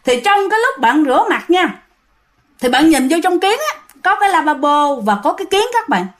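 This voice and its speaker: A woman narrates ghost stories in a casual, animated style, talking directly to her listeners. Her voice sits high and swings widely in pitch as she builds suspense. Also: brisk. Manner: animated, addresses listeners as "các bạn". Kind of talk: casual spoken storytelling.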